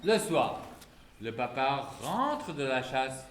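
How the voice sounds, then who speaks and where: Bright-voiced man telling folk tales. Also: mid-range voice, takes it slowly. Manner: lively, playful, acts out voices. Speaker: storyteller. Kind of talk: live storytelling performance. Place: stage, live show. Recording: echoey live hall, faint noise.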